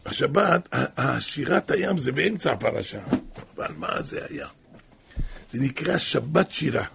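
A man preaching a sermon, impassioned, moving between hushed tones and crying out. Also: medium pitch, animated, vocal fry, slight background noise.

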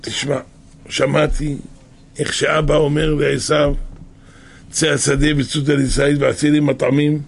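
A man doing hushed, raspy mother Rebecca. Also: fairly high pitch, little pitch movement, pauses often. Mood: instructing. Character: caring mother Rebecca, instructing her son.

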